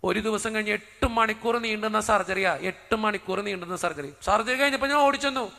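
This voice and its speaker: A priest preaching a sermon as a personal story, acting out the dialogue with drama. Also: male voice, sits high, a little fast, creaky, pushed and bright, long reverb tail.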